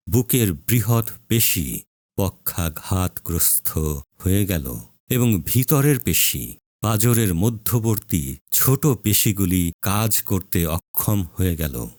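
Slow, solemn male preacher, dry close mic. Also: lowish voice, animated, a little mellow, dry recording. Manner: slow, solemn, emphatic with drawn-out pauses. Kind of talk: dramatic sermon narration.

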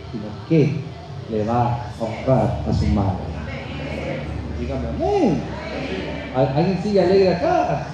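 A man preaching a sermon. He swings between shouted climaxes and low, quiet passages and puts rhetorical questions to his congregation. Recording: very echoey church hall with music behind.

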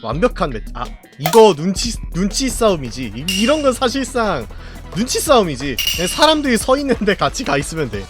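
Guy streaming a game, high voice that swings all over, yelling at other players, music going underneath. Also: huge pitch swings, brisk. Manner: yells and laughs at the game, swears at rival players. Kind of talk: excited gameplay commentary.

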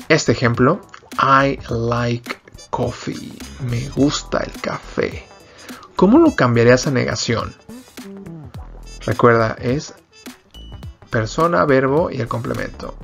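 A man's voice: mid-range voice, creaky, a bit bright. A man teaching an English lesson in Spanish, explaining grammar patiently and repeating example sentences in both languages.

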